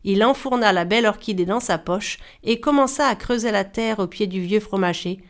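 A woman storyteller reading a folktale aloud in a measured, expressive style. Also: medium pitch. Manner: measured, animated voices for characters.

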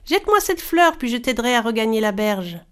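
A woman's voice: very high-pitched, very animated, moderate pace, pitched above the performer's own voice. Woman voicing a sly, treacherous younger brother. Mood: coaxing. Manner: falsely gentle, then hard.

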